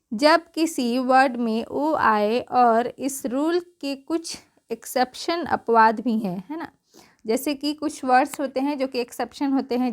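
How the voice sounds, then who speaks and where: A woman with a high voice gives a pronunciation lesson in a patient, teacherly way. She spells each word out slowly, says it twice, and keeps asking questions that she answers herself. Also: darkish tone. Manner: asks the class questions and answers them herself. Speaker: English teacher.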